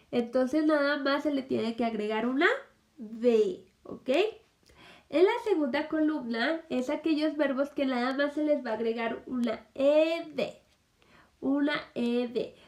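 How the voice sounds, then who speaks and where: A woman's voice: high-pitched, a little mellow. A woman teaching a recorded English lesson to children, explaining patiently and checking in with "ok?" again and again. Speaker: primary school English teacher.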